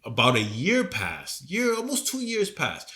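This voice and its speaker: A man with a cold co-hosts a casual podcast, spinning a profane, rambling story. His voice is bright and ringing. His pitch jumps around a lot as he talks. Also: sing-song, a little slow. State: sick with a cold. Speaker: podcast co-host.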